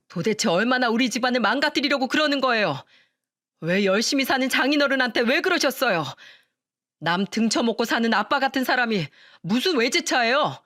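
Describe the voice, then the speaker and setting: A woman's voice: on the high side, fairly bright tone, voice pushed up. Woman playing an indignant angry husband. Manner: scolding, indignant. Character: angry grown son, the husband. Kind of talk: radio story reading.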